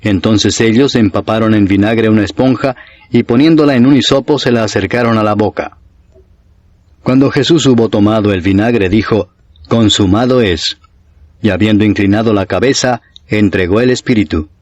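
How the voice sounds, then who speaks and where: A man reading scripture aloud in a steady, solemn narration, raising his voice a little for the crowd's shouts. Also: fairly low pitch, moderate pace, no echo, highs cut off. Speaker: Bible reader.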